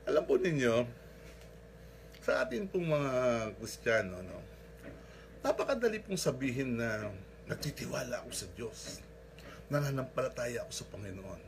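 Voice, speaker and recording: A pastor preaching a sermon in a polite, earnest way, with frequent rhetorical asides to the congregation. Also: male voice, medium pitch, big pitch swings, moderate pace, gravelly, pauses often, slight background noise.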